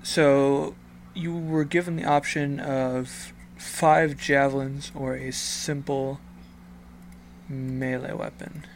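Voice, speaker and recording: A man narrating a tabletop role-playing game as game master, improvising with a hesitant, halting delivery. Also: mid-range voice, flat delivery, a little hiss or hum.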